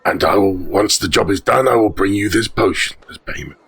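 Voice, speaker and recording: A man's voice: on the low side, fairly quick, gravelly, a bit bright. A man playing a tabletop game, talking in casual chat.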